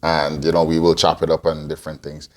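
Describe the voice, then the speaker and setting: A man's voice: a bass voice, completely flat delivery, brisk. A man in his forties, from Guyana and raised in Antigua, answering interview questions as a podcast co-host, rambling with many restarts. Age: 40s.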